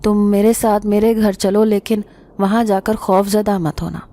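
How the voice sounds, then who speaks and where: A woman's voice: mid-range voice, flat delivery, warm tone, close to an everyday voice. A woman voicing a mysterious, protective young man who speaks in a grave, solemn tone in a story reading. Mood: calm.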